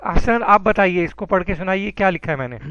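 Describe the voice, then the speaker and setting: Man, high voice, patient teacher, dry close sound, muffled lo-fi. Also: lively intonation, a bit bright, no room sound. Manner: patient, encouraging, calls students by name. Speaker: Arabic teacher. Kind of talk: online class teaching.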